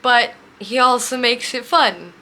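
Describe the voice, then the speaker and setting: A woman in her twenties telling a heartfelt personal story, emotional and near tears, speaking haltingly. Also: a little high, bright, forceful tone. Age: 20s. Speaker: vlogger.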